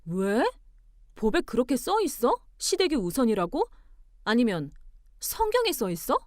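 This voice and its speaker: A woman voicing a composed young wife who argues back calmly and pointedly. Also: on the high side, measured pace, no echo, studio quality. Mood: cool firm. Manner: calm, pointed, arguing with cool logic.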